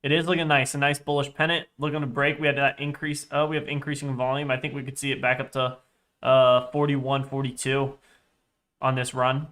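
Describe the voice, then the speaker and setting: Casual talk on a live trading stream comes from a young man with a stuffy, congested voice that is mid-range and a bit bright. His pitch barely moves, and he goes a little fast, reading chat aloud while rambling and self-correcting.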